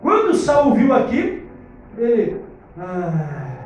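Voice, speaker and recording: A man, a pastor preaching an animated storytelling sermon to his congregation on a handheld microphone. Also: very high-pitched, slow pace, muffled recording. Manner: animated, addresses congregation as brothers. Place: church hall. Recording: echoey church room from far off, faint music.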